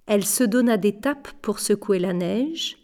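A woman reading a novel aloud as narrator, measured in her storytelling and sometimes dropping to a hush. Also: mid-range voice, animated. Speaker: audiobook narrator.

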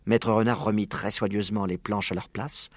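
A man narrating a children's story aloud, expressive and slowing down for suspense. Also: lowish voice, no echo. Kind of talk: storybook reading.

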